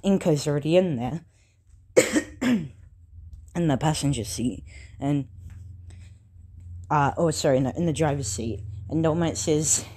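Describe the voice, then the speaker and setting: A casual narrator talking through a homemade fan story. The delivery is slow and halting, with frequent fillers and restarts. The voice has a mellow, dark tone and sits at a middling pitch. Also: slightly rough. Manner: halting, many fillers and self-corrections. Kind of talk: casual spoken story retelling.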